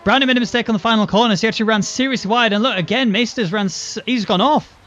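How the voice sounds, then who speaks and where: Man, motorsport commentator, high voice, running play-by-play with explanations, dull lo-fi audio, engine noise. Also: rapid-fire, fairly bright tone. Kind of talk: live motorsport commentary of an online race. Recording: muffled, noisy, engine sounds behind.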